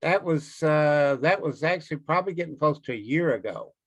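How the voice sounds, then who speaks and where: A man's voice: on the high side, expressive, fairly quick. A man with an Eastern Kentucky accent recounting things casually as an interview guest, in a plain-spoken, folksy way. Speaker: interview guest, Bigfoot researcher.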